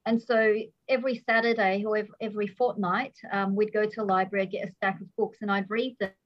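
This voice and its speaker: A woman's voice: medium pitch, fairly even intonation, brisk. Lady, author guest, chatty storytelling, laughs a lot, kinda muffled audio. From Australia. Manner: laughs often, acts out voices in anecdotes. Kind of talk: candid conversational storytelling. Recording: dull lo-fi audio.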